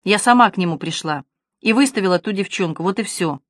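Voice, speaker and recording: A proud young woman with a cutting, challenging tongue, as a woman narrator plays her. The voice sits at an ordinary middle pitch and sounds close and dry, with no room around it. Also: expressive, brisk, no room sound, lightly acted. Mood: defiant.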